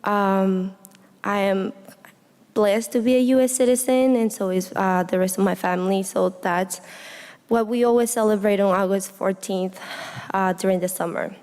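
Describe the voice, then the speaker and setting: A young woman from Honduras, a student speaker, addresses an audience in an indoor hall with a reflective, earnest personal speech. Her voice is medium-pitched, fairly even, at normal speed, slightly mellow, clear and resonant. The hall echoes with long reverb.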